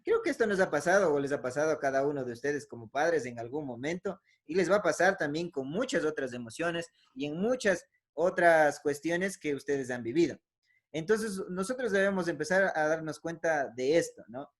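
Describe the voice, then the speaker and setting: A man's voice: fairly high pitch, lively intonation, moderate pace. A man giving a conversational teaching talk, with frequent "eh" fillers and self-corrections, often tagging phrases with a questioning "¿no?". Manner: ends many phrases with a questioning "¿no?". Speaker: speaker giving a talk on emotions.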